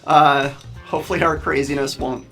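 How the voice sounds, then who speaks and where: A man's voice: a little high, level tone, normal speed, creaky, a bit bright, soft background music. A man, a photographer, talking eagerly and earnestly in an interview confessional.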